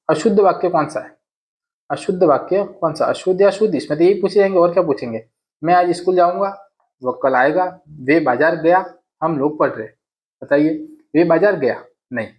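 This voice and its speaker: A man's voice: on the high side, a little fast, a little mellow. A man teaching exam grammar in a casual classroom way, repeating each sentence and asking and answering his own questions. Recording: dull lo-fi sound.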